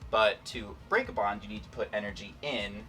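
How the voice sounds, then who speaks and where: A man's voice: on the low side, normal speed, sharp tone, distant mic, soft background music. A man hosting a casual science demonstration, explaining things informally and playfully. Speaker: host, scientist.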